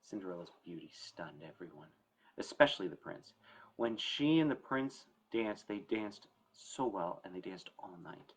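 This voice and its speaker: The recording is rough with slight background noise, carrying a low male voice at normal speed with lively intonation. As an estate planning attorney hosting his story time show, he gives an informal, conversational educational talk to camera, stressing his points.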